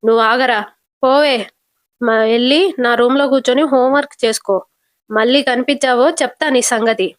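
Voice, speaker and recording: A woman's voice: on the high side, fairly even intonation, moderate pace, no echo, studio quality, lightly acted. A woman voicing a stern scolding mother. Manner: firm, scolding tone. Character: stern middle-aged mother, exasperated, scolding.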